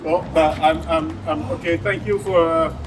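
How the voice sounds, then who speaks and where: A man's voice: fairly high pitch, fairly even intonation, normal speed, far from the mic, background noise. A man with a French accent and French as his native language, casually hosting a challenge vlog in a hesitant, repetitive way. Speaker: host of an unboxing challenge show. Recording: loud music over the voice. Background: loud music.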